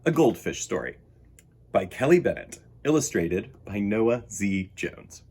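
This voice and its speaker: Reading a picture book to children, a male story-time host speaks emphatically and expressively, turning to talk to his young audience. He has a lowish, slightly breathy voice and goes a little slowly.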